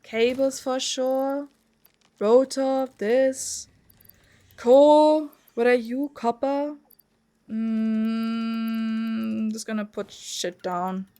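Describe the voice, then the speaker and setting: A woman's voice: fairly high pitch, steady tone, extremely slow, long pauses, dark tone. Rambling, foul-mouthed young woman streamer. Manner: rambling, swears freely, chats with viewers. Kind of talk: casual gameplay commentary. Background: faint music.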